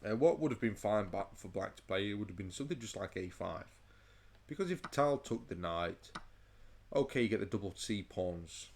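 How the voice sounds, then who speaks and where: A man with a very deep voice talks through a chess game in a loose, rambling way. His tone is gravelly, with plenty of vocal fry. He stammers and restarts often, sounding overheated and sweaty. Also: animated, normal speed. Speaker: chess channel host. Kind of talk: casual chess game commentary.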